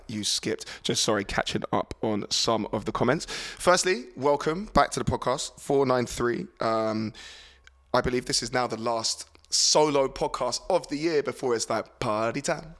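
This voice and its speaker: A man's voice: medium pitch, measured pace, a bit bright. A male DJ and podcast host chatting casually between tracks in a studio, rambling a little and reading out listener comments. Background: music.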